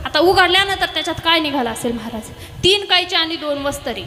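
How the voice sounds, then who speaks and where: A woman's voice: extremely high pitch, expressive, fast talker, big-room sound. A woman kirtan preacher telling a humorous devotional story, with teasing asides to the audience. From Maharashtra, India.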